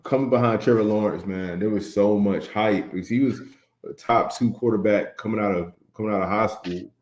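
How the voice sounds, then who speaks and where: A man co-hosting a casual sports talk show, animated and opinionated, often saying "man". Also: on the low side, a little fast. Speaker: podcast co-host. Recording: echoey room.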